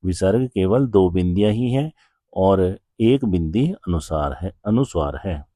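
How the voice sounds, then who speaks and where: A man's voice: sits low, animated, warm tone, dry recording, clean studio sound. A man teaching a grammar lesson, explaining step by step and often asking questions before answering them. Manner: slow, patient explaining with frequent rhetorical questions. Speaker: Sanskrit teacher.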